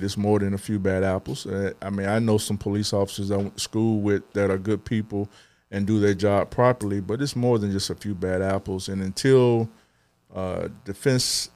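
A man's voice: on the low side, darkish tone. A young adult man co-hosting a podcast, talking earnestly in casual chat, with many fillers and restarts. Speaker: podcast co-host.

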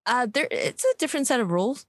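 A woman from the United States co-hosting a casual chat, playful and quick to laugh, teasing with questions. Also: a little high, sing-song, dry recording. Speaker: podcast co-host.

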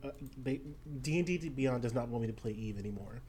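Very low-voiced excitable woman player. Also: fast, a little hiss or hum. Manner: excitable, bursts of loud reactions. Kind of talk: casual tabletop play.

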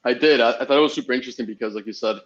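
A man's voice: medium pitch, rapid-fire, a bit bright. A man in his twenties from Spain, a podcast guest telling his story casually with many fillers. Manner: rambling storytelling with frequent fillers. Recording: slightly dull lo-fi audio.

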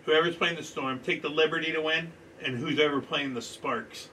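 A joking male co-host with a very bright, forceful voice throws in quick comments. He is picked up from off-mic over faint background noise. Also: fairly high pitch, steady tone, distant mic. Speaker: podcast co-host. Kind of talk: casual chat.

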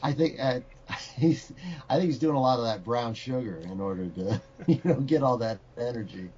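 A man co-hosting a podcast in casual chat, halting and full of fillers, joking around. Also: mid-range voice, a little mellow, lo-fi sound, slight background noise. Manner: halting, filler-heavy, jokey. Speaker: podcast co-host.

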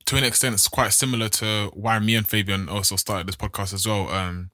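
Low, bright-voiced male podcast host. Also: little pitch movement, a little fast, no room sound, clean studio sound. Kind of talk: casual reflective conversation.

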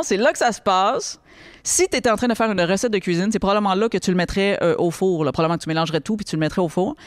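A woman's voice: on the low side, dry recording. Québécois woman as a friendly workshop guide, talking straight to the listener, dry recording. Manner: chatty, addresses the listener directly with frequent checks for understanding. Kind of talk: casual instructional talk.

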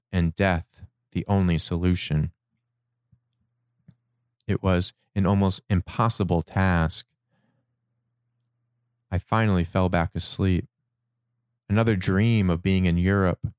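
A man slowly reading his personal dream journal aloud in a measured, reflective way. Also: deep voice, clear, resonant tone, dry recording, studio quality. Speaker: narrator.

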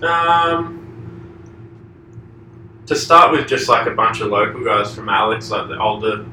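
A man's voice: fairly low pitch, animated, unhurried, pushed and bright. An Australian surfboard shaper in his thirties, answering interview questions in a laid-back, rambling way. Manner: laid-back, trailing filler-heavy answers. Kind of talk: casual conversational interview. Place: echoey shaping room indoors. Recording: echoey distant room recording with faint noise.

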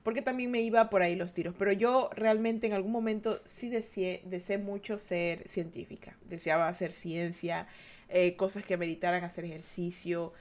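A woman's voice: fairly low pitch, fairly even intonation, normal speed, darkish tone. An adult woman hosting a podcast, giving an earnest, reflective monologue and speaking directly to her listeners. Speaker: podcast host.

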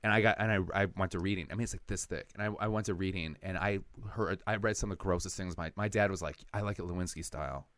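A man's voice: sits low, steady tone, fast, few pauses, a bit bright, no echo. A man telling a long personal story in casual podcast chat, rambling and profane, acting out what people said. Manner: rambling, profane, acts out quotes.

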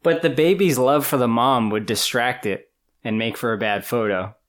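A man hosting a casual movie-review chat, relaxed, recapping the plot and laughing easily. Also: medium pitch, normal speed.

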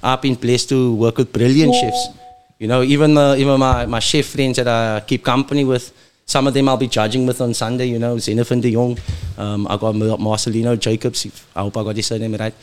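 A man's voice: mid-range voice, steady tone, brisk, clean tone. A man in his early forties with a South African accent, a chef talking in a radio interview, fired-up and preachy, dropping "bruh" often. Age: 40s.

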